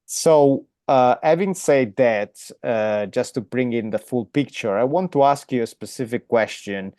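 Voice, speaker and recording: A man hosting an academic interview, speaking in a measured way with many fillers. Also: mid-range voice, darkish tone, dry recording, studio quality. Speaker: interview host.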